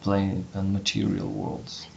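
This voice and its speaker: A man acts as game master in a tabletop game, his voice low and gravelly. He talks in an even, measured way with small pauses, giving warnings. A faint hiss sits under the recording. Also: muffled recording. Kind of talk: narrating a tabletop game as an innkeeper.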